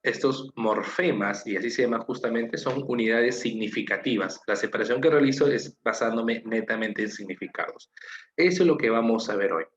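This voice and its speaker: A man's voice: mid-range voice, moderate pace, reverberant, highs cut off. A man with a Peruvian Spanish accent teaching an online class, patiently explaining and asking his students questions. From Peru.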